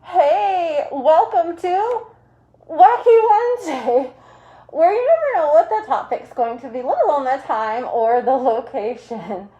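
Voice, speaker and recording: A woman with a fairly high voice chats casually on a livestream, speaking through a mask and face shield. She rambles in a friendly-host format, tossing in jokey asides as she goes. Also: animated, a little slow, warm tone, lo-fi sound. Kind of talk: casual live video chat.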